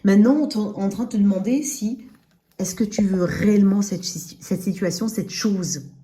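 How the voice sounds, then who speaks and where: This tarot reader's voice is mellow and mid-range, at normal speed. She reads casually for the listener, addressing them directly with frequent short check-in tags, her speech slightly slurred by braces.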